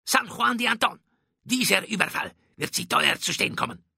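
A man's voice: sits high, big pitch swings, normal speed, gravelly, bright, forceful tone, slightly rough, no room sound, clean studio sound, pitched above the performer's own voice, heavily acted. A man voicing a proud, angry male Spanish ship captain with a haughty, hissing manner, raising his voice well above his own. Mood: haughty, bitter.

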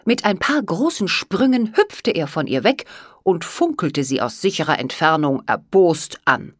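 Expressive woman narrating a storybook. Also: lowish voice, a little slow, no room sound, studio quality. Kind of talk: audiobook narration.

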